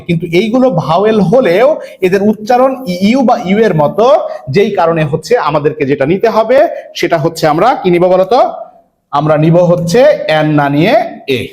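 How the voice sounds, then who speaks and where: A Bangladeshi man teaches an online English admission-test lecture, posing questions to his students, answering them himself and repeating words slowly. His voice sits high and is a little mellow.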